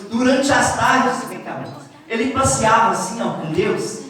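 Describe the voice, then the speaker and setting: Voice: medium pitch, animated, unhurried, fairly bright tone. A preacher at a church camp tells a Bible story while volunteers act it out. The preacher talks straight to the crowd and gives playful stage directions. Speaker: preacher leading a camp skit. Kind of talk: lively sermon storytelling with volunteers acting it out. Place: large echoing hall at a church camp. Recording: echoey hall from far off.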